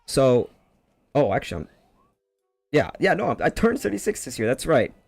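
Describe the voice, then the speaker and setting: A man rants casually over a game he is playing. He swears freely and tells his story with a sarcastic, rambling edge. His voice sits at an ordinary middle pitch and sounds close and dry, with no room echo. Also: sing-song, normal speed, creaky, slightly rough, faint music behind. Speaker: streamer. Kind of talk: casual rant over gameplay.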